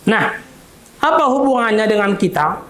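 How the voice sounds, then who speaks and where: High-voiced male preacher, echoey room. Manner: calm, measured, quotes voices in a lower tone. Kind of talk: sermon with storytelling.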